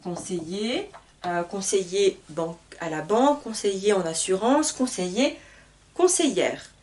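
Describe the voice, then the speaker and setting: Slow, careful woman teaching from a distance. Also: medium pitch, animated, a little mellow. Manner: slow, spells out letters and repeats word pairs. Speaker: French teacher. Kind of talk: grammar lesson.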